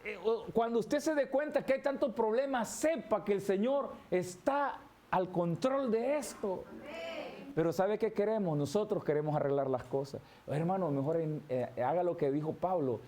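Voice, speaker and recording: High-voiced man preaching a Bible study. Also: normal speed, warm tone. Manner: addresses listeners as "hermano" constantly; preaching, reading scripture aloud and commenting. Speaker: pastor. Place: church.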